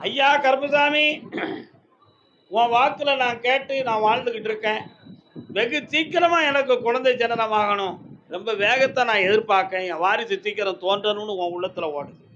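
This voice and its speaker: High, bright-voiced temple oracle man. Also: brisk, muffled recording, a little hiss or hum. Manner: commanding, scolds and reassures devotees directly. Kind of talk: trance oracle pronouncements to devotees. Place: temple with devotees present. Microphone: microphone.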